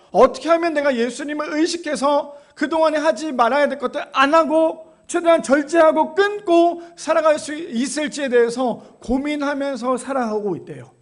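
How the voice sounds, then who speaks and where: A male pastor giving a sermon in a conversational way, often asking his congregation rhetorical questions. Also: extremely high pitch. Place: church.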